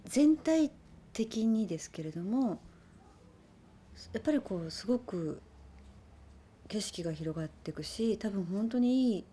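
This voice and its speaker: A woman actress answering interview questions in a soft-spoken, thoughtful way. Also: fairly low pitch, a little hiss or hum. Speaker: actress interviewed about her film.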